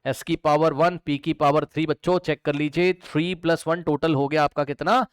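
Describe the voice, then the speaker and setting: A man's voice: a little high, steady tone, moderate pace, smooth, no echo. A man teaching chemistry to students in a lecture, who asks questions and answers them himself and repeats the key terms.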